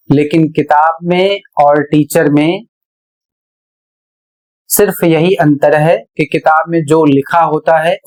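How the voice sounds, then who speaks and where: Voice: mid-range voice, darkish tone, low-quality recording. A teacher with a Hindi accent, giving a pronunciation lesson, spelling out words letter by letter and then reading them aloud. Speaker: English teacher.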